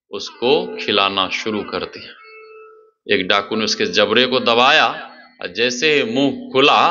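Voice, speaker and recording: Male preacher, storytelling sermon, slow and repetitive, bright tone; lo-fi recording, faint music underneath. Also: on the low side. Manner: slow dramatic storytelling, repeats phrases, quotes characters.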